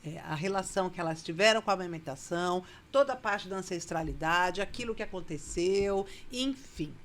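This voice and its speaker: A woman's voice: on the low side, fairly quick, slight background noise. A woman with a Brazilian accent who hosts a podcast, chatting frankly and telling personal anecdotes. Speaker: podcast host. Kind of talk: casual podcast chat.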